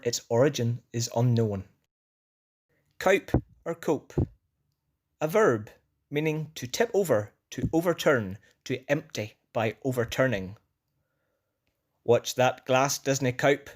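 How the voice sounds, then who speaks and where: A man's voice: mid-range voice, a little mellow. Man narrating a language lesson. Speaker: narrator of an educational language video. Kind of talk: scripted explanatory narration.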